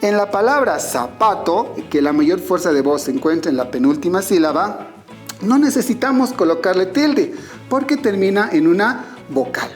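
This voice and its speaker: Lively-toned Bolivian teacher explaining clearly. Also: male voice, sits high, moderate pace, faint music behind. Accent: Bolivian Spanish. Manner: clear, explanatory, addresses students directly. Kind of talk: scripted online lesson.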